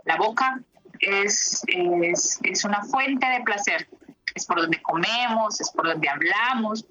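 A woman therapist telling stories from her practice in an interview, reflective and pausing with fillers. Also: medium pitch, pushed and bright, dull audio.

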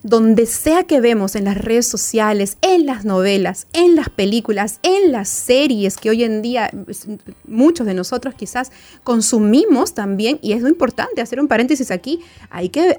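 Woman psychologist, somewhat high voice, faith-based relationship advice, voices listeners' doubts. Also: expressive, moderate pace, warm tone. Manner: asks many rhetorical questions; plays out listeners' objections.

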